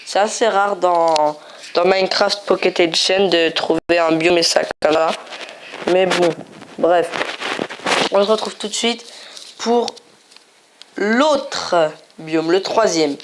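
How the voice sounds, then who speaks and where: A woman's voice: fairly low pitch, slow pace, pauses often, slight background noise. A woman hosting a casual game video, chatty and playful, often repeating herself as she shows things on screen. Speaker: gaming video host.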